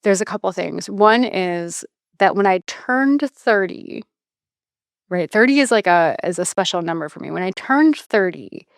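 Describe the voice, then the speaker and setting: A woman's voice: mid-range voice, expressive, unhurried, vocal fry, dry recording, studio quality. A woman in her thirties hosting a podcast, talking in a reflective, chatty way that often trails off and restarts. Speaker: podcast host. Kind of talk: casual podcast conversation.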